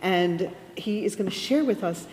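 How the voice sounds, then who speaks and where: A woman's voice: mid-range voice, normal speed, darkish tone. A woman host giving a polite, formal introduction of a guest speaker. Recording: hall reverb.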